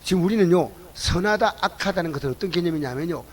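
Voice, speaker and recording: A man preaching a sermon at a church service. He questions the congregation and swings between loud exclamations and low asides. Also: animated, quick pace, low-quality recording. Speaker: pastor.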